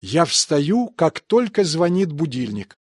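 A man's voice: a little high, slow pace, slightly rough, dry recording, studio quality. A man reading translated example sentences evenly and carefully for a language course. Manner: even, careful enunciation. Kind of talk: scripted phrase reading.

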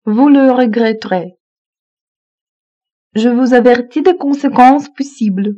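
Slow, mellow woman reading phrases. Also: on the high side, muffled recording. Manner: reads each phrase twice, evenly. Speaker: French phrase reader.

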